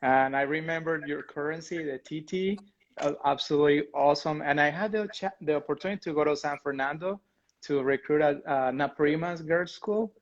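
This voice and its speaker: A man's voice: fairly high pitch, brisk, muffled recording. A man hosting a livestream interview, enthusiastic and upbeat as he asks his guest questions. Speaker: host.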